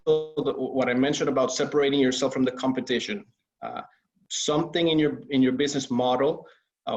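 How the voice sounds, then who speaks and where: A man speaking as an entrepreneur guest on a webinar in a casual, earnest way, repeating words and using many fillers. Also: mid-range voice. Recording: slightly dull lo-fi audio.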